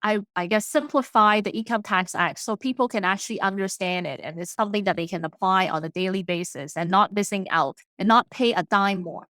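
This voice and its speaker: Speaking fairly quickly with hardly any pauses, this woman has a medium-pitched, slightly bright voice captured in studio quality with no room sound. An accountant and author who immigrated to Canada in her late teens and whose first language is not English, she talks as a podcast guest in a casual, earnest, plain-spoken way, restarting often.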